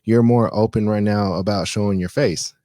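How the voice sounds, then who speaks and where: Male podcast host, very low voice, dry close sound, easygoing rambler. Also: steady tone, normal speed, dark tone, dry recording. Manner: laid-back, rambling, filler-heavy. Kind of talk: casual chat.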